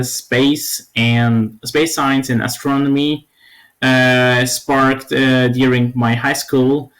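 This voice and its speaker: A young man from Slovakia, a podcast guest, answering questions in a halting way with many fillers. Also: mid-range voice, a bit bright, rough recording. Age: young adult. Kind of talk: casual interview talk.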